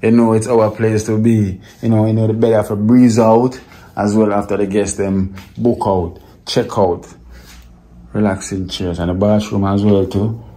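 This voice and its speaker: At a normal speed and a fairly low pitch, a man walks his audience through a guest villa. He keeps it easygoing, repeats things, and speaks to his viewers as "guys."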